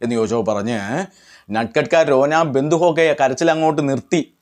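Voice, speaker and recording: A man's voice: mid-range voice, moderate pace. A man teaching a lesson, translating line by line and asking questions that he answers himself. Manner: translates phrase by phrase, repeating words. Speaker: Hindi tutor.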